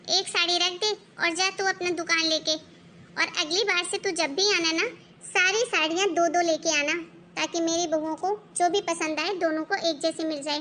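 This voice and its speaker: A woman voicing an older mother-in-law who speaks slowly and calmly to settle a family quarrel. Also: extremely high pitch, a little hiss or hum. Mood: soothing.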